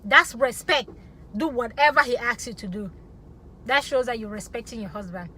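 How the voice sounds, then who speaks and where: Woman from Africa, bright and sharp voice, fired-up opinion vlog, keeps asking "okay?". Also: fairly high pitch, moderate pace, a little hiss or hum. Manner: passionate, emphatic, keeps adding "okay?". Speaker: vlogger. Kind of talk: opinionated talk to camera.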